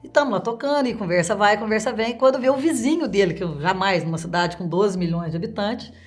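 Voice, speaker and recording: A woman with a Minas Gerais accent tells a personal story in a chatty way. She talks quickly, and her voice sits in a middle pitch. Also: soft background music. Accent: Minas Gerais Brazilian Portuguese. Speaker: interviewee. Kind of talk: casual storytelling.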